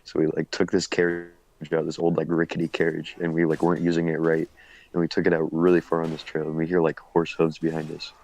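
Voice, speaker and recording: A man's voice: a bass voice, completely flat delivery, fast talker, a little mellow, low-quality recording. A young man co-hosting a casual story show, chiming in with details and plenty of fillers.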